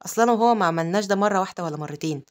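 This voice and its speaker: A woman with an Egyptian accent voicing a sharp-tongued young noblewoman in a recap story. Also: mid-range voice, rapid-fire, lightly acted. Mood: curt. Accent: Egyptian Arabic.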